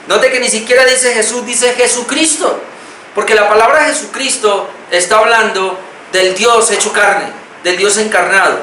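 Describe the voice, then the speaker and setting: A Colombian man preaches a sermon in a fairly high, bright voice. He explains his point step by step and repeats key phrases. The recording is roomy and a little distant, with faint noise behind him. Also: moderate pace. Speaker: pastor.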